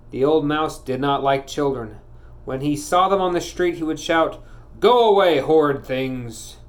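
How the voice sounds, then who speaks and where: A man reading a children's storybook aloud, steady and clear. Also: on the high side.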